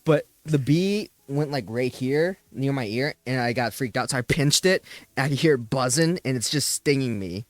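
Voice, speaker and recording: A young man hosting a podcast, telling childhood stories in a lively way, laughing and swearing freely. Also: medium pitch, moderate pace, dry recording. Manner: animated storyteller, laughing, swearing. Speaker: podcast host. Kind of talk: casual chat.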